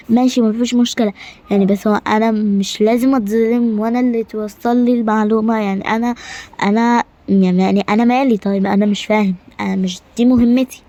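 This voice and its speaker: A woman's voice: on the high side, warm tone, lo-fi sound, close to an everyday voice. A woman with an Egyptian Arabic accent voicing a male palace servant who stammers through defensive protests.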